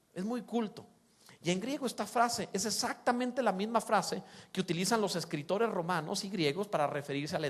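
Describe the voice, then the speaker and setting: High-pitched and animated, this pastor delivers a sermon by performing the voices he quotes, moving from loud outbursts to quiet asides.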